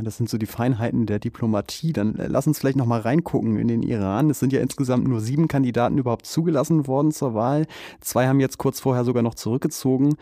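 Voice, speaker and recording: Mellow-voiced male news podcast host. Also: mid-range voice, dry recording, clean studio sound. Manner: relaxed, informal interviewer.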